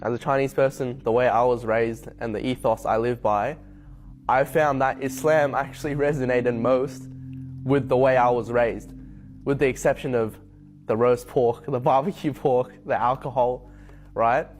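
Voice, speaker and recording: A young man from Hong Kong telling his personal story to camera, reflective and unhurried, with frequent ums. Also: medium pitch, steady tone, a little mellow, slight background noise. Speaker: convert sharing his story. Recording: faint music bed behind voice.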